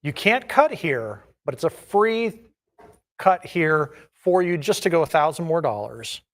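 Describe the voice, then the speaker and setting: A man's voice: on the high side, big pitch swings, a little slow, a bit bright. A man working as an auctioneer, calling bids in a repetitive chant of numbers and increments.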